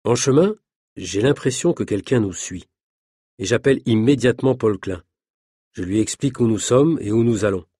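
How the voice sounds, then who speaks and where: A man narrating an easy-reader story aloud in a measured, clearly articulated manner. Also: medium pitch, animated, mellow, dry recording, clean studio sound. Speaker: audiobook narrator. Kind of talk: reading an easy French story.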